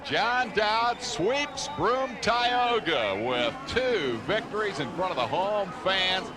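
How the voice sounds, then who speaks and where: A lead commentator calls motocross play-by-play in punchy, dramatic phrases, his voice high and very animated though he takes it slowly. Engine and outdoor race noise sit behind him, along with music in the background.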